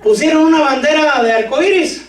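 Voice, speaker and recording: A man preaching a lively sermon to his congregation with jokes, sudden shouts and talk of brothers. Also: extremely high pitch, normal speed, a faint crowd. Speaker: pastor. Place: church hall. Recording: echoey church hall from far off.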